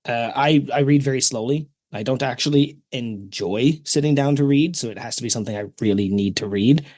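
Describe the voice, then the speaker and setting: A man's voice: medium pitch, brisk, a little mellow, no room sound, clean studio sound. A man in his thirties with a Canadian accent, a podcast host chatting in an earnest, reflective way. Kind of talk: casual chat.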